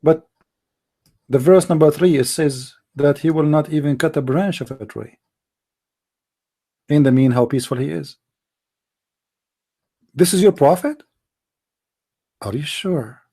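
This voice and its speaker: A man with a somewhat high, warm, mellow voice hosts a live call-in debate. He argues combatively, stacking up rhetorical questions one after another. His English is fluent but plainly non-native in its grammar. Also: unhurried, long pauses, slightly rough. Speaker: host of a call-in debate show. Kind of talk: live-stream religious debate talk.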